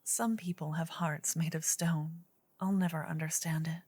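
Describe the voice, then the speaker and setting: A woman playing a gentle, earnest druid in an ASMR role-play, her soft female voice slipping between breathy soft voice and low murmur. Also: steady tone, dry recording. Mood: wistful, earnest. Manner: slow, gentle, intimate female voice with pauses. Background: soft medieval ambience and music.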